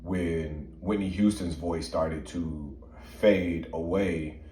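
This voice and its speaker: Deep-voiced man in casual talk. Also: steady tone, takes it slowly, dark tone, roomy sound. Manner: earnest, emphatic opinions with many fillers. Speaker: podcast co-host. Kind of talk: casual chat.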